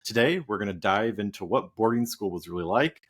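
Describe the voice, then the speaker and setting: Male podcast host, deep-ish voice, upbeat interviewer who sometimes trips over his words. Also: a little fast.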